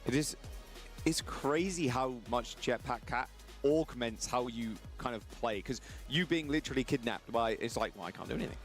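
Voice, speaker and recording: A man gives relaxed color commentary on a match in a mid-range voice, quick with a joke. Faint music plays under him. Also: mid-range voice. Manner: casual, laid-back and quick with jokes. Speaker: esports co-caster.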